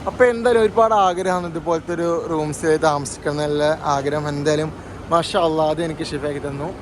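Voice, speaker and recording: An excitable man with a slightly high voice chats casually to his vlog viewers. He mixes English slang words into his Malayalam and repeats catchphrases. The recording is a noisy handheld one. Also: fairly quick. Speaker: vlogger. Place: hotel room and surroundings, on the move. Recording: noisy handheld vlog, ambient background noise.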